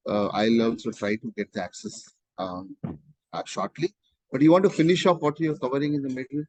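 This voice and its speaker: Husky man, dry close sound. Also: mid-range voice, steady tone, fairly quick, a little mellow, dry recording, low-quality recording. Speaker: trainee in a one-to-one session. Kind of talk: casual work discussion.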